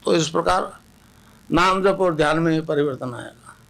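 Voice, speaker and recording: Older Rajasthani guru addressing a crowd, high pitched with a rough gravelly edge. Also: male voice, moderate pace, a bit bright. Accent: Rajasthani Hindi. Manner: chants mantra aloud with audience; speaks to a gathered audience. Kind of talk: spiritual discourse.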